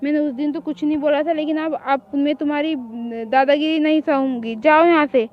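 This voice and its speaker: A woman's voice: high voice, steady tone, moderate pace, lo-fi sound, lightly acted. A woman playing a feisty, defiant young fangirl. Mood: scolding. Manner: scolding, defiant. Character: feisty young woman, devoted boy-band fan. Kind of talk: hobby fan drama.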